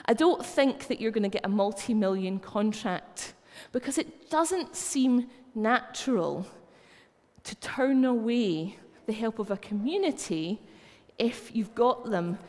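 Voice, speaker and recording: A woman's voice: on the high side, lively intonation, a little slow, darkish tone. A woman with a Scottish accent preaching a sermon in a chatty, storytelling way. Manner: conversational, anecdotal storytelling. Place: church hall. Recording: long reverb of a church.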